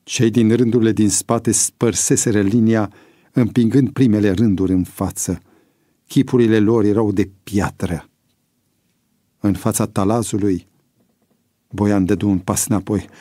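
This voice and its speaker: Low husky guy reading a novel aloud, dry close sound, measured and dramatic. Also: fairly even intonation, mellow, no echo. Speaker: narrator.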